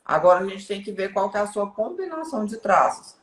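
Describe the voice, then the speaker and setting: A woman's voice: medium pitch, sing-song, a little fast, reverberant. A woman speaking as a guest on a live stream, explaining in a teaching way and often checking in with the listener.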